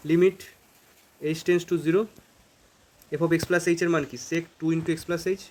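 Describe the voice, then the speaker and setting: A man's voice: a little high, monotone, slow pace. A man teaching calculus in a casual, informal way, thinking aloud as he works through problems. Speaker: math teacher. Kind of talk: informal math lesson.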